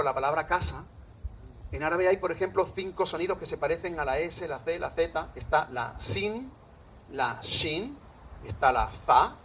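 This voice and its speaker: A middle-aged man with an Andalusian Spanish accent, lecturing a live audience with a slightly raised pitch. He keeps the room engaged, tossing questions out to the listeners as he explains. A faint hiss of noise sits behind his voice. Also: fairly bright tone, low-quality recording. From Andalusia, Spain. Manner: engaging, often quizzes the audience. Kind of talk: live public talk to an audience.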